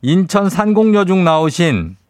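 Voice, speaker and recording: A man's voice: high-pitched, very animated, normal speed, a little mellow, no room sound. A man hosting a radio call-in quiz segment, bantering playfully with a caller and reading out questions.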